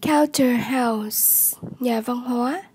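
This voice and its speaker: A woman English tutor, slowly repeating vocabulary words and giving the word class, the stressed syllable and the meaning of each. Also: a little high, noisy background. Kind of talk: vocabulary lesson.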